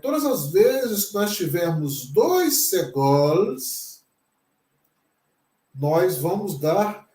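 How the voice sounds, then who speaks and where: A Brazilian man leads a slow, deliberate language lesson, sounding each word out and repeating it patiently. His voice sits a little high for a man. The room around him is echoey. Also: dark tone. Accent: Brazilian Portuguese. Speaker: pastor teaching Hebrew.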